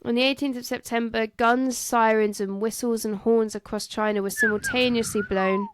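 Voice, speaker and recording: A woman's voice: a little high, steady tone, moderate pace, dry recording. A woman co-hosting a casual history podcast, reading from notes and joking and swearing between facts. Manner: jokey, giggly, swears. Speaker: podcast co-host.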